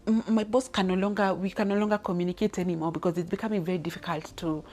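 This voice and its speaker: Talking fast in a medium-pitched, darkish voice with a steady tone, this Kenyan leadership speaker in her thirties shares an unscripted story of her career. Soft music plays behind her, and her speech is peppered with fillers and restarts.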